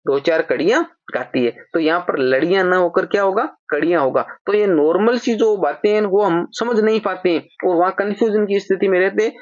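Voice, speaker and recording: A grammar teacher with a lilt to their works through exam-prep sentence corrections at a patient, explanatory pace. They read each example sentence slowly and more than once. The recording is dry and a little dull, like a simple lo-fi setup. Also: mid-range voice, no room sound.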